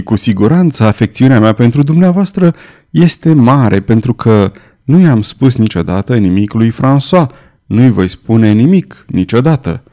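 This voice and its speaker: A man's voice: medium pitch, dark tone, close to an everyday voice. A man doing a fearful young woman in love. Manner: trembling, pleading.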